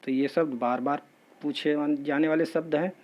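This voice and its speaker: A man leads an exam-prep spelling lesson, going through each word in a steady, patient rhythm. His voice sits a little high for a man, and he drills the class in a methodical, even way. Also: normal speed. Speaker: teacher.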